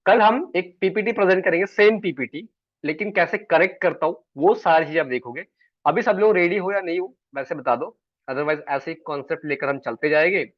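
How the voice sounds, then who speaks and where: A man's voice: on the high side, a little fast, no room sound. A man teaching an online sales class, chatty and always checking in with his students. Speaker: sales trainer. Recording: dull, dry online call audio.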